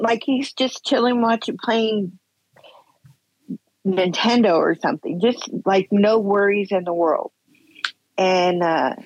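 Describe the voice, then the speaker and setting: A woman's voice: medium pitch, husky, no echo. A middle-aged woman telling her own story as a podcast guest, blunt and candid, acting out what people said. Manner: blunt, retells scenes with quoted dialogue. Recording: dull lo-fi sound.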